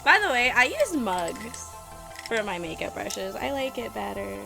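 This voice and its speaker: A woman's voice: medium pitch, sing-song, a little slow, gravelly. A woman chatting casually as a makeup vlogger, blunt, sassy and self-mocking in her reactions and tips. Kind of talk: casual reaction and tutorial chat. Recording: music playing behind the voice.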